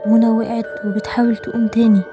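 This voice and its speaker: Fast Egyptian woman telling a horror tale. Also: a little high, little pitch movement. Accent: Egyptian Arabic. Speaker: horror storyteller. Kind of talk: scripted horror narration. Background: background music.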